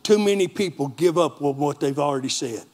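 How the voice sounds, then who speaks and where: A man preaching a lively sermon in a church with a Texan accent, calling for amens from the congregation. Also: on the high side, fairly quick. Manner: animated preaching with call-and-response. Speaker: pastor.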